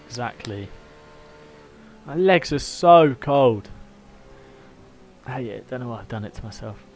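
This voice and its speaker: A man's voice: mid-range voice, a little hiss or hum. A man with a British accent in informal, matey livestream chat, giving race updates like a team engineer. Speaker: livestream host and sim racing team engineer.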